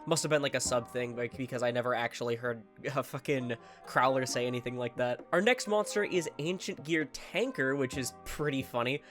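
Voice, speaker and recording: A man's voice: mid-range voice, brisk, few pauses, fairly bright tone, soft background music. A man with a congested, nasal voice from a head cold, giving rambling, casual video commentary, correcting himself as he goes and swearing now and then. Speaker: card game YouTuber.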